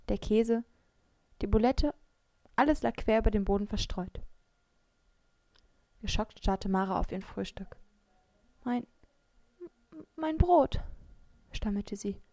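Expressive woman reading a story aloud. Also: medium pitch, dry recording. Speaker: story reader. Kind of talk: read-aloud first-person story narration.

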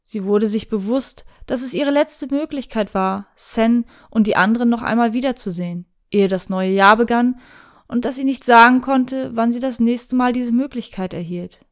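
A woman reading a storybook aloud in a calm, even narrating voice. Her voice sits somewhat high for a woman. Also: normal speed.

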